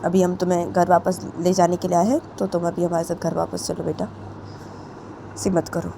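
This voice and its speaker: A woman voicing a father who gently coaxes his daughter to come home, in a soft, low-key voice. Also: flat delivery, normal speed, creaky, slight background noise. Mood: coaxing. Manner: soft, coaxing.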